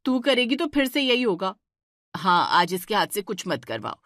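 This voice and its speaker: A woman's voice: medium pitch, sing-song, normal speed, no room sound, studio quality. A woman doing a stern scolding mother-in-law. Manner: scolding, sharp questions.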